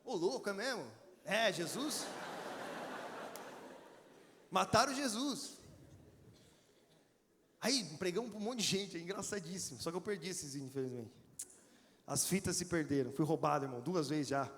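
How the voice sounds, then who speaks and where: High-voiced Brazilian man preaching in a hall. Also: expressive, moderate pace, long pauses, fairly bright tone, slight background noise. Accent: Brazilian Portuguese. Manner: casual slangy storytelling, acts out dialogue. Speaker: preacher at a youth conference. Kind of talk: storytelling sermon. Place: large hall with audience. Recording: long hall reverb, crowd murmur.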